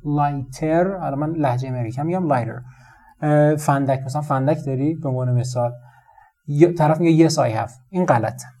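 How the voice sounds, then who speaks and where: A man with a Persian accent gives a relaxed, chatty English lesson. His voice sits a little high yet sounds dark and mellow. He walks through everyday examples and slows down to repeat English phrases. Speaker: English teacher. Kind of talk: casual spoken lesson.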